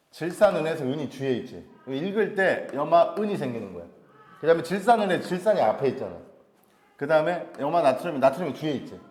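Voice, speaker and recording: A man's voice: fairly high pitch, darkish tone, reverberant. A man teaching science to a small group in Korean, quizzing students often and repeating check-in questions. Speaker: science tutor. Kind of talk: classroom teaching.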